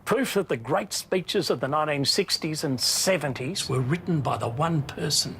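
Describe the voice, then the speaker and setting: A man with a slightly high voice speaks as a football historian. He is measured and serious, weighing each claim. Faint background noise sits under his words. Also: animated, creaky, a bit bright.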